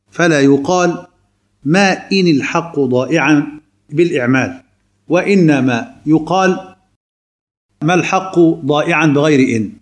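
A man explains grammar rules in a recorded lesson, his voice sitting a little high. He is didactic and orderly, stressing each numbered point. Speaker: lecturer.

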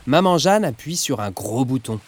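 A man narrating a children's audiobook in a lively, expressive storytelling manner. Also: mid-range voice, moderate pace, breathy edge, no room sound.

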